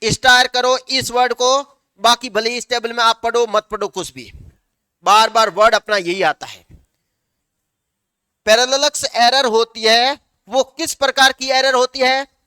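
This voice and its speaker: Male teacher, lecture delivery, self-answering questions, dictates slowly at times. Very clear, crisp tone. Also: very high-pitched, fairly even intonation, bright, forceful tone, dry recording, studio quality. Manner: asks the class questions and answers them himself; slows down to dictate notes word by word. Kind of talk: classroom lecture.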